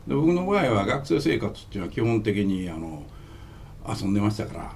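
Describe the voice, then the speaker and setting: A man's voice: lowish voice, brisk, a little hiss or hum. A man with a Kansai accent who tells stories in a joking, casual way as an interview guest. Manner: joking, animated storyteller. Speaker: interview guest, company founder. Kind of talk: casual storytelling in conversation.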